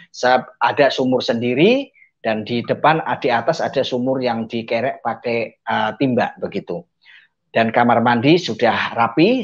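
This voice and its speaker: A man's voice: mid-range voice, husky. Man giving an earnest spoken testimony. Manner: earnest storytelling, often addressing listeners as brothers and sisters; hesitant fillers mid-sentence. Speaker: testimony speaker. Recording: dull, muffled lo-fi audio.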